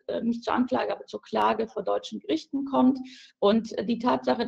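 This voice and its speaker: Middle-aged woman on a phone line, lots of ums and restarts, gravelly voice, muffled audio. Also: on the high side, darkish tone. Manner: earnest, argumentative, many fillers and restarts. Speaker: ministry official on a panel. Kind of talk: policy panel statement by phone.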